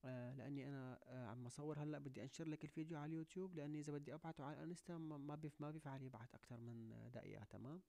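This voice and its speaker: A young man giving a video editing tutorial, talking quickly and constantly checking that the listener is following. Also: fairly high pitch, steady tone, vocal fry, dark tone. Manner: rapid, keeps checking in. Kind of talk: screen-recorded tutorial.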